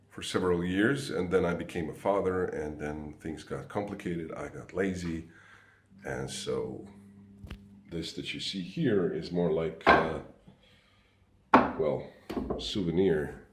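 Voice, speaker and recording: Deep-voiced man, halting speech. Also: roomy sound. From Croatia. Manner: halting, many uh fillers and restarts. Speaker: guest comic artist. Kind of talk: casual video message. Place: home studio.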